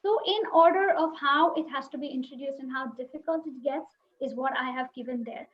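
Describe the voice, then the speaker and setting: High-voiced woman teaching phonics. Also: a little fast. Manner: explanatory, demonstrates sounds aloud, asks the audience questions. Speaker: teacher trainer. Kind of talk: webinar lecture. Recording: dull lo-fi webinar audio.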